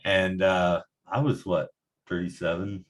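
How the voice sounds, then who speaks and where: A veterans' podcast host talks casually in a low voice with little pitch movement and a measured pace. He swears a lot and gets emphatic and heated in this profane chat.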